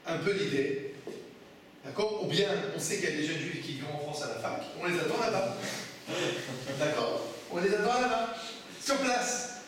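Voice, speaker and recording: A man's voice: high-pitched, expressive, normal speed, long pauses, fairly bright tone. A man teaching a Torah class to students, asking them emphatic rhetorical questions. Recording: echoey room, from far off, faint noise.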